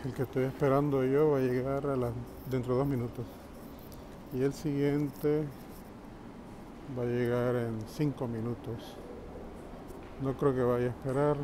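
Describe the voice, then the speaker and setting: Man, casual travel vlogger, handheld phone mic, underground station, clear train and crowd ambience, medium pitch. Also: noisy background. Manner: relaxed, explains step by step to viewers. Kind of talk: casual handheld tour narration. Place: underground metro station, indoors. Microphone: handheld phone camera. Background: station ambience and passing trains.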